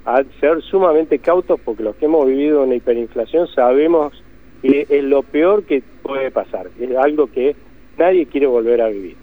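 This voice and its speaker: A man's voice: medium pitch, animated, moderate pace. Argentine man on a tinny phone line. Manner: emphatic, explanatory, with many rephrasings. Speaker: economist guest. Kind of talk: interview answers.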